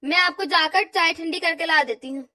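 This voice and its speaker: A woman's voice: very high-pitched, fairly quick, far from the mic, heavy background noise. A woman voicing a put-upon young daughter-in-law in a cartoon, explaining herself in an exasperated, pleading way. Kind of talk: cartoon voice acting.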